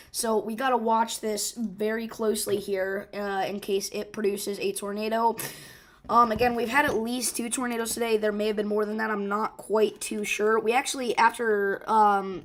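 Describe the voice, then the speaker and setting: A woman hosts a live severe weather stream in a hoarse, rough, medium-pitched voice. She talks urgently and informally, with many fillers and restarts.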